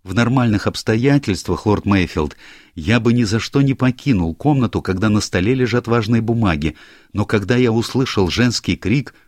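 Here the same flustered secretary, young, anxious, stammering and eager to please, is voiced above the performer's own lowish, slightly mellow register. It's expressive, at normal speed, with a dry, studio-quality recording.

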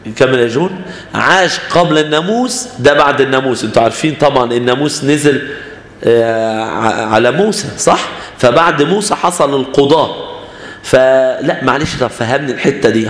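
A man's voice: medium pitch, a little fast. A man with an Egyptian Arabic accent teaching a youth Bible class, asking the students questions and acting out examples. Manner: animated, asks the class questions, acts out examples. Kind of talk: lively church class talk. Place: church hall. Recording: echoey church hall with long reverb.

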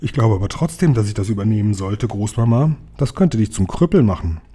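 A man's voice: fairly low pitch, expressive, mellow, breathy edge. Man doing an eager young mouse-boy. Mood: questioning. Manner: eager, quick questions.

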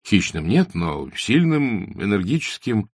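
A man voicing a shy, observant young woman in a classic novel audiobook, speaking softly and earnestly. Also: lowish voice, sing-song, unhurried, husky, no echo, studio quality, pitched above the performer's own voice, full character voice. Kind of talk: audiobook character reading.

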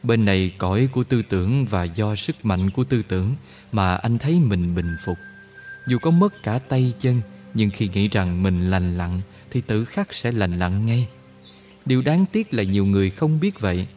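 A man voicing a calm older male spiritual guide who explains things slowly and soothingly. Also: lowish voice, faint music behind, natural voice. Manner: slow, measured, soothing explanations.

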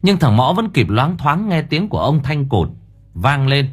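A man narrating an audiobook in a dramatic, expressive storytelling manner. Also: medium pitch, measured pace, slightly rough, soft background music.

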